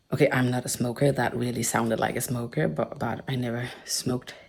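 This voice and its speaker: A woman's voice: very deep voice, fairly even intonation, a little fast, creaky, slight background noise. A woman chatting casually in a book vlog, self-deprecating and apologetic, filmed on a phone held at arm's length at home without an external mic. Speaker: book vlogger. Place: home, indoors.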